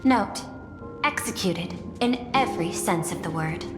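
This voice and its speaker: An actress playing a cool, calculating artificial intelligence chief executive in a game, formal, composed and precise, with a dry teasing edge. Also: female voice, on the low side, expressive, measured pace, echoey room, in a large hall, music in the background. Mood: measured, grave. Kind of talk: dramatic game voice acting.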